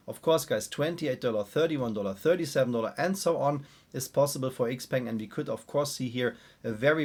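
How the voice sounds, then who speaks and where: A man with a weak, strained voice gives unscripted stock chart commentary, often addressing his viewers directly. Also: mid-range voice. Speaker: stock trading YouTuber.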